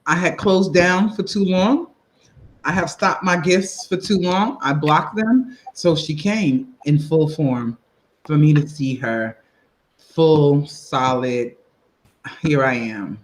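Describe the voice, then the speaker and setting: A woman guest in casual chat, telling a personal story in an animated, expressive, folksy way. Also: low-pitched, slow pace, low-quality recording. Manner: folksy, conversational.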